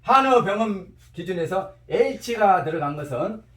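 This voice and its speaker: A man lectures a class in an animated way, quizzing students and having them repeat after him in call-and-response drills. His voice sits high and his pace is measured. The mic is at a distance, giving a roomy echo.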